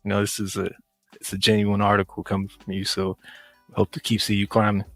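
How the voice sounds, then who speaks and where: A man co-hosts a casual podcast chat and speaks in an encouraging way, repeating himself. His voice is low and flat, with little rise and fall. The recording is dry. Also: brisk, no echo, faint music behind. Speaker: podcast co-host.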